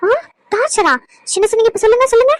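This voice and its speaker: Woman voicing Priya, a sharp-tongued young wife. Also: extremely high pitch, no echo. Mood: bickering. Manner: quick, needling, argumentative. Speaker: voice actor. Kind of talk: cartoon voice acting.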